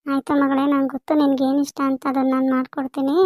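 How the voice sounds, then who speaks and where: A woman's voice: sits high, monotone, fast talker, darkish tone, no room sound, close to an everyday voice. A woman playing a doting village mother who fusses over her daughter in a family skit. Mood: fussing. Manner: fussy, insistent.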